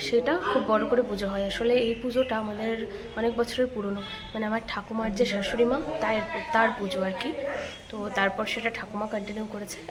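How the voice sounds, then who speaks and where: A young woman from North Bengal, India, chatting and explaining things as she films a home vlog on a handheld phone. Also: medium pitch. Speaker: vlogger. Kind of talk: casual vlog narration. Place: family home in a village during a home puja. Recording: noisy home ambience.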